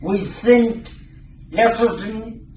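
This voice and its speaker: Slow-speaking West of Ireland man, echoey room. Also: high voice, a little mellow. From Galway, west of Ireland. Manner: halting, short fragmented answers. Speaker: campaign interviewee. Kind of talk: informal interview answers. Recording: echoey room, distant mic, faint noise.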